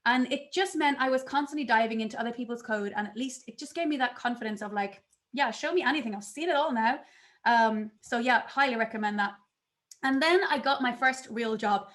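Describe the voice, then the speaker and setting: A woman giving a conference talk, telling her story in an animated way and acting out her own past reactions. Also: on the high side, fairly quick. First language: not English. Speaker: conference speaker.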